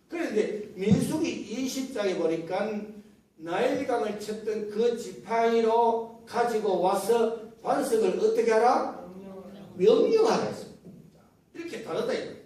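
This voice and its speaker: A man preaching a Sunday sermon as pastor, telling scripture stories in a lively way and asking the congregation questions he then answers himself. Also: high voice. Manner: lively storytelling retelling of scripture. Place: church sanctuary. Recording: very echoey church hall, mic at a distance.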